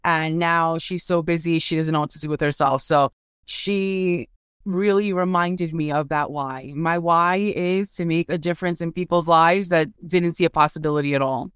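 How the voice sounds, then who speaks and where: A woman's voice: low voice, fairly even intonation, moderate pace, smooth, dry recording, studio quality. A woman guest in a casual interview, talking about her work in a candid, sassy, sarcastic way. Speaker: guest, marketing business owner. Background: soft meditation music.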